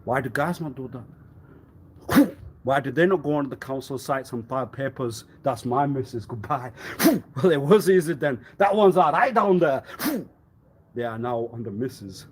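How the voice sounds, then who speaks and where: A man of middle pitch rambling on a live stream, jumping from loud, excited outbursts to quiet muttering. He laughs and clears his throat often as he talks. A faint hum of noise sits behind his voice. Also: normal speed. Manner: erratic, swinging between loud outbursts and muttering. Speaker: livestreamer.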